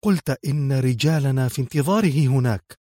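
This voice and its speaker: A man's voice: medium pitch, a little fast, warm tone, no echo, studio quality, close to an everyday voice. A man reading a storybook voices an anxious female spy who answers her boss in a worried, nervous way. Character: anxious, tense female spy, loyal aide.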